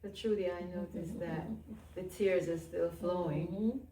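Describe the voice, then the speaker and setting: A woman hosting an interview, prompting her guests quietly and gently. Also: lowish voice, fairly even intonation, measured pace. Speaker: interview host. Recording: roomy sound from a distant mic.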